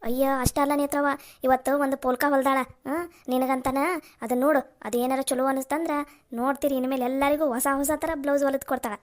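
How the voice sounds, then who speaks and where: A woman's voice: high-pitched, flat delivery, fast talker, close to an everyday voice. Woman voices cartoon village aunt, chatty rustic charm. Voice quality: broad rustic dialect, homely chatter. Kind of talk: cartoon voice acting.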